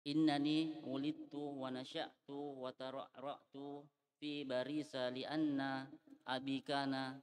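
Flat, clear-voiced man reading haltingly. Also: mid-range voice, big-room sound. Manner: halting, sounds out words slowly. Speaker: student reading aloud. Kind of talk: reading a text and translating in class.

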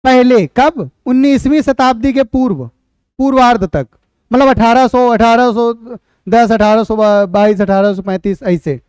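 A man's voice: very high-pitched, measured pace, a little mellow, smooth, no echo, studio quality. A man teaching an online exam-prep Hindi class, explaining points and asking students questions, with chatty asides. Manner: explains then repeats questions back to students; chatty asides addressing viewers as "beta".

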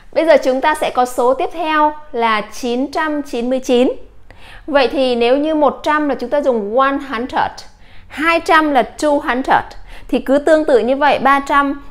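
A woman English teacher from Vietnam giving a patient lesson, slowly modeling English words for her students. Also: high-pitched. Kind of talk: classroom lesson.

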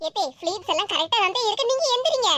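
A woman's voice: extremely high pitch, expressive, rapid-fire, noisy background. A woman voicing a touchy young cartoon girl who keeps complaining about her sister, with a Tirunelveli Tamil accent. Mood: annoyed. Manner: whiny, complaining. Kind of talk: cartoon voice acting.

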